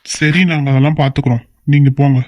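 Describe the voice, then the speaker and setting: A performer voicing a young man, a bossy but reassuring elder brother in a cartoon, speaking quickly and confidently. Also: mid-range voice, level tone, a little mellow, dry recording, natural voice. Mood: firm. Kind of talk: cartoon voice acting.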